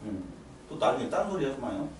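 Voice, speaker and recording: A middle-aged male pastor preaching in a church, animated and coaxing his listeners to answer his questions. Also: mid-range voice, fast, a little hiss or hum. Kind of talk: lively sermon with questions to the congregation. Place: church sanctuary. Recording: roomy sound from a distant mic, faint ambience.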